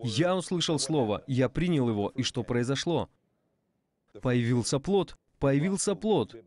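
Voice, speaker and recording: A man's voice: mid-range voice, expressive, unhurried, darkish tone. A man voicing a preacher's sermon in a dub, repeating phrases and asking the audience rhetorical questions. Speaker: voice-over translator of a preacher. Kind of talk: dubbed sermon.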